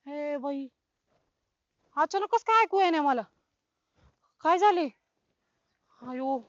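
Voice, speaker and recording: An actress playing a loud, bossy village woman who talks in a rustic, scolding way. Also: very high-pitched, expressive, normal speed, dry recording, exaggerated voice. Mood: bossy, puzzled. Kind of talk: comic web film acting. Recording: dull, dry film sound.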